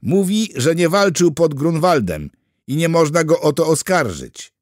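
A man voicing a flustered woman interpreter who speaks in a raised, hurried voice. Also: a little high, animated, darkish tone, no room sound, clean studio sound, voice pushed up. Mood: flustered eager. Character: flustered female interpreter with shaky school German.

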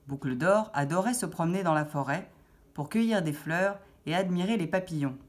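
Woman storyteller, expressive, lively pitch, lower voice. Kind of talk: children's story reading.

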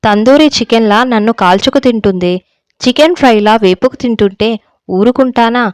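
A woman's voice: a little high, normal speed, dry recording, natural voice. A woman voicing a fed-up, defiant young daughter-in-law who speaks heatedly in a storybook reading.

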